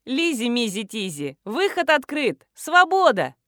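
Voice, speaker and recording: A woman's voice: a little high, big pitch swings, unhurried, a bit bright, no echo, clean studio sound. A woman reading the lines of a courteous, pedantic male professor who speaks delicately and in a bookish way. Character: polite pedantic male professor, the narrator's husband.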